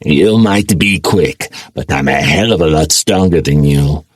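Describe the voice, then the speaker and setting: A man's voice: very deep voice, unhurried, husky, no room sound, studio quality, full character voice. A male narrator voicing a flirty, teasing woman who is a huge spectral werecat, speaking lines from an audiobook. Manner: teasing, flirty, mock-scolding. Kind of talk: audiobook character voice.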